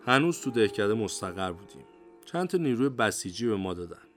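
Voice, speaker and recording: An older man tells his war memories in a relaxed, colloquial way, sprinkling in everyday idioms. His voice sits low and he speaks as if to friends across a table. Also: faint music behind. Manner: conversational, lively retelling with idioms. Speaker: war veteran narrator. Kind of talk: colloquial memoir storytelling.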